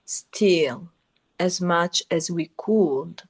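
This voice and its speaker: A woman with a mix of Italian and French accent, a podcast guest answering questions in a relaxed interview, searching for words and often restarting her sentences. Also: fairly low pitch, very slow, breathy edge. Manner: searching for words, many restarts, laughs easily. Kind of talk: casual interview conversation.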